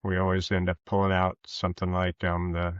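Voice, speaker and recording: On a dull, roomy lo-fi recording, a man in his sixties from rural Kansas, USA, talks as an interview guest, an author and former police officer. His voice sits low and smooth with a completely flat delivery. He answers casually, hesitant and halting, using folksy phrasing.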